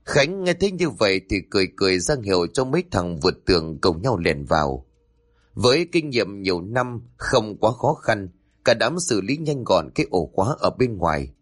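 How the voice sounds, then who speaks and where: A man's voice: fairly low pitch, sing-song, moderate pace, no room sound, studio quality. A man narrating a spoken horror story in a dramatic, tense manner.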